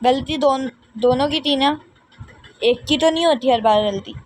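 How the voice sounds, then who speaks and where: A woman's voice: sits high, normal speed, no echo, lightly acted. A woman voicing a pushy young friend who insists, meddles and talks the other girl round. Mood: scornful.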